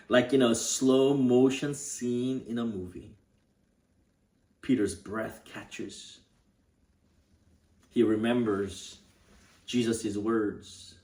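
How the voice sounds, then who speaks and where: A male pastor retelling a scripture story as dramatic sermon storytelling, vivid and dropping to hushed tones. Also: medium pitch. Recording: roomy echo.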